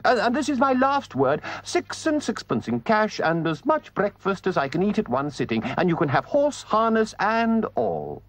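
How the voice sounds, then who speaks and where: A pompous, greedy male toad from a storybook, his high voice leaping wildly as he blusters and stammers, as a man acts him out. The tone is husky and dry, recorded close. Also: very animated, normal speed, hardly any pauses, fairly bright tone, no echo, heavily acted. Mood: haggling. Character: boastful excitable male toad, vain and greedy.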